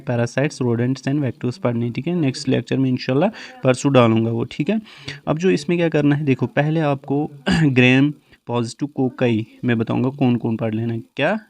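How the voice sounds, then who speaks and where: A man teaching nursing exam topics, repeating key terms back as questions and often clearing his throat. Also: mid-range voice, a little mellow. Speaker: nursing tutor.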